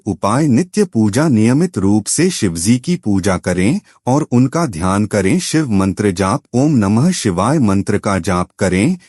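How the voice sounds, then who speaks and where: A man giving scripted devotional narration, reading out advice in a measured, instructive way. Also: on the low side, darkish tone, no echo, studio quality.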